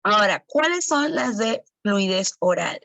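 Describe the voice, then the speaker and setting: A woman's voice: mid-range voice, sing-song, unhurried, vocal fry, a bit bright, no echo. A woman giving an online lecture to early-education assistants, explaining as she goes and correcting herself often. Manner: explanatory, with frequent self-corrections.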